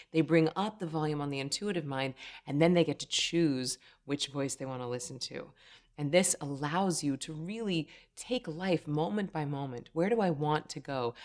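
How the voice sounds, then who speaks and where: A woman in her thirties teaching meditation straight to camera, upbeat and conversational, often checking in with "right?". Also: low-pitched. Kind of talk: direct-to-camera teaching talk.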